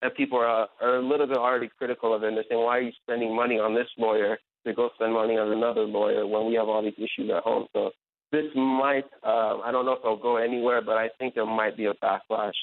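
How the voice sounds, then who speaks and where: A fast-talking man with a lowish, level voice argues his point fluently and earnestly as a guest on a radio panel. He is a journalist and blogger from Iran who was raised in America. The sound comes through a tinny phone line.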